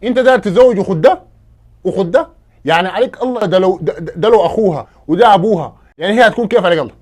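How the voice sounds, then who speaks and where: A man with a Sudanese Arabic accent playing the suitor's father, a brash, loud guest who trades insults in a comedy sketch. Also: sits high, very fast. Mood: mocking.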